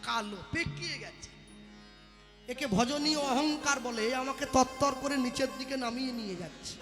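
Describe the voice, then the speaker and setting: A man's voice: very high voice, moderate pace. A man preaching a devotional sermon, full of rhetorical questions and mock dialogues. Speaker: kirtan singer and preacher. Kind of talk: devotional sermon with acted asides. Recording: live hall reverb with faint music.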